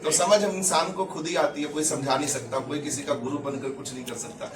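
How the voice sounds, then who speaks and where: A man's voice: on the high side, steady tone, a little fast, crowd noise. A man speaking as a spiritual leader who answers questions at a religious gathering, emphatic and explanatory. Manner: emphatic, preaching, explains terms. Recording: echoey, far from the mic.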